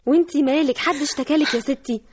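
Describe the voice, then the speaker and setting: An actress playing a blunt, sharp-tongued young woman with an Egyptian accent in a radio drama. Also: sits high, lightly acted. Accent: Egyptian Arabic. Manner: blunt, quick retorts. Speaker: daughter and fiancée.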